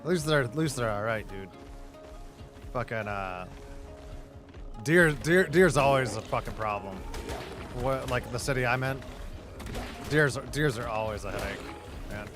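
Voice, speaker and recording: A man's voice: mid-range voice, normal speed, pauses often, music in the background. A man chatting casually with a friend while gaming, rambling and swearing heavily, with many restarts.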